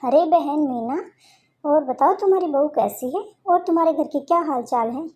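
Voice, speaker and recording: A woman doing a nosy middle-aged neighbor lady from a cartoon story, gossiping and prying in a high, mellow voice. She sounds curious and eager for news. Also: moderate pace, lightly acted. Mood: gossipy.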